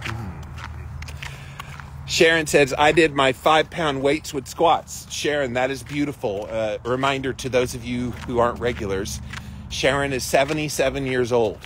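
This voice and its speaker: A man's voice: mid-range voice, moderate pace, a bit bright, a little hiss or hum. A man hosting a casual livestream, reading out and answering viewer comments in an encouraging, emphatic, colloquial way. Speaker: livestream host of a daily ice bath challenge.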